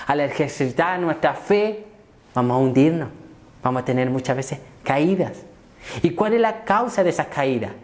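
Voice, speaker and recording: Male pastor preaching with rhetorical questions. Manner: repeats phrases and asks rhetorical questions; swings between hushed low lines and raised emphatic ones. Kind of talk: sermon.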